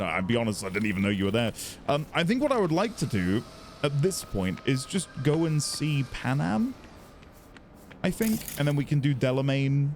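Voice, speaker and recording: A man's voice: fairly high pitch, darkish tone, slight background noise. A man giving casual, musing gameplay commentary as a let's play host, chatty and prone to mild swearing. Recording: game music behind the voice.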